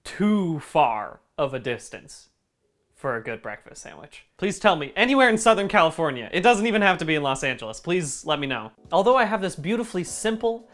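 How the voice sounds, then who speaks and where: A man's voice: on the high side, very animated, fairly quick, a bit bright. A man hosting a comedic cooking demo in his home kitchen, joking and mocking himself as he cooks. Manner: playful, jokey, self-mocking. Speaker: cooking video host.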